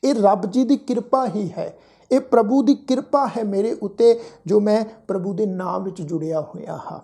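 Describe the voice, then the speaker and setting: A woman gives a gentle devotional talk on Sikh scripture, and her voice is soft and warm. She slows down to chant each verse with careful diction, then explains how it should be pronounced. She speaks at an even, middle pitch. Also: creaky. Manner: explains correct pronunciation of verses. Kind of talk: gentle devotional exposition with recitation.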